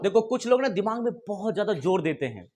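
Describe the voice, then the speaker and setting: A man's voice: high voice, fast talker, a faint crowd. A man teaching a spoken English class, drilling phrases for the class to repeat and telling anecdotes. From India. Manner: animated, prompting the class to repeat lines aloud.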